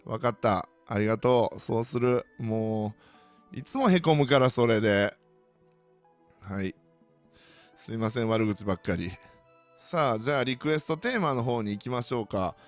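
A man's voice: medium pitch, moderate pace, long pauses, dry recording, faint music behind. A man with a Kansai accent hosting a casual monologue, ranting sardonically as he tells his stories to the listeners. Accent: Kansai Japanese. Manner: ranting, sardonic, animated storytelling. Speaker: host.

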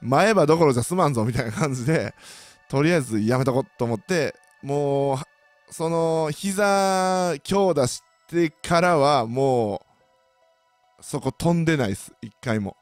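A man's voice: a little high, lively intonation, a little slow, no room sound, faint music behind. A man with a Kansai accent tells a comic personal anecdote, full of sound effects and self-mockery.

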